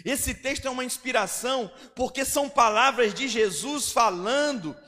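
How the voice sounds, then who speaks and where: A man preaching a Pentecostal sermon, swinging from soft asides to shouted declarations. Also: extremely high pitch, normal speed, faint music behind. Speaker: pastor. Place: church hall. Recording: long reverb of a church hall.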